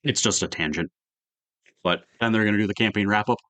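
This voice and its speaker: A man's voice: on the low side, a little fast, sharp tone. A man co-hosting a podcast in casual chat, talking in an offhand, matter-of-fact way. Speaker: podcast co-host.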